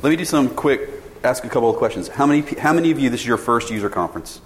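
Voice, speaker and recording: Rapid-fire and expressive, a sales director in his forties gives an informal conference talk in a mid-range voice. He asks the audience plenty of questions and restarts sentences often. The tethered mic adds a little hiss or hum in a reverberant session room with faint ambience.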